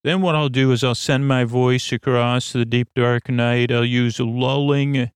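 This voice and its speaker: A man hosting a sleep podcast, talking in a slow, creaky, rambling bedtime monologue full of stumbles and self-mocking tangents. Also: mid-range voice, fairly even intonation, dry recording, studio quality.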